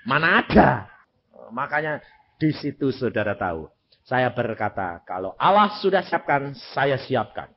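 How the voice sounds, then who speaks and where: A man's voice: sing-song, measured pace, husky. An older man from Indonesia, preaching a sermon in a storytelling way and acting out the dialogue in it. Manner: dramatic swings in pitch and loudness, acts out dialogue. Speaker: evangelist preacher. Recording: dull lo-fi recording.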